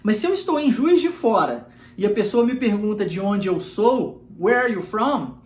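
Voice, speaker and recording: Lively, echoey-voiced language teacher. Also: medium pitch. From Minas Gerais, Brazil. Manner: models phrases slowly and repeats them for learners. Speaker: English teacher. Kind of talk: online language lesson. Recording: echoey room.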